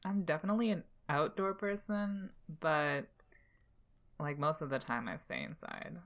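A woman's voice: low-pitched, expressive, normal speed, fairly bright tone. A woman chatting casually as a player in a dating guessing game, with a playful, giggly manner. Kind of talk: casual game chat in character.

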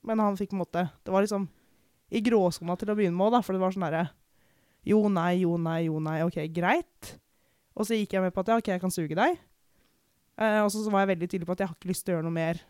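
Candid young Norwegian woman, clear voice. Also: medium pitch, steady tone, a little mellow, no room sound, studio quality. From Norway. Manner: candid, reflective, with frequent pauses and restarts. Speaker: podcast guest. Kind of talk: personal account in casual conversation.

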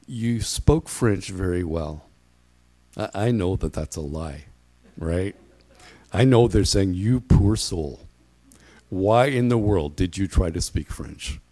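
Middle aged guy preaching, lowish voice, chatty personal stories, kinda halting and pokes fun at himself. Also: a little mellow. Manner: self-deprecating, halting storytelling. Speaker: pastor giving a sermon. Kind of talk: conversational sermon with personal anecdotes.

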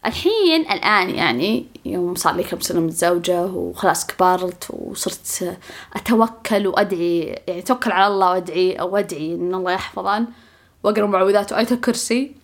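A woman's voice: fairly low pitch, lively intonation, a little fast. A woman with a Saudi Gulf accent telling a casual story to her viewers. She talks in a chatty way, repeats herself often and sometimes drops to a whisper. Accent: Saudi Gulf Arabic. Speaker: vlogger.

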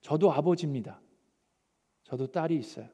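A male pastor preaching a sermon, animated and acting out the scripture quotes. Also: fairly high pitch, normal speed, breathy edge. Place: church sanctuary. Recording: long church hall reverb.

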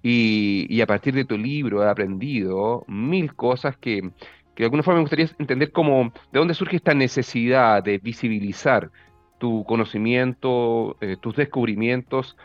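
A man's voice: mid-range voice, normal speed, no echo, muffled recording, faint music behind. A man with a Chilean accent hosting an interview, asking long rambling questions full of restarts. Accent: Chilean Spanish. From northern Chile. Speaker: interviewer, host.

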